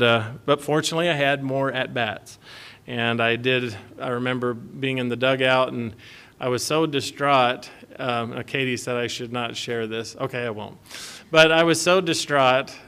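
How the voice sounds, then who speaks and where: A man's voice: medium pitch, bright, forceful tone, clean tone. A man giving a conversational, folksy sermon, reading scripture aloud and chuckling between points. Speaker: preacher.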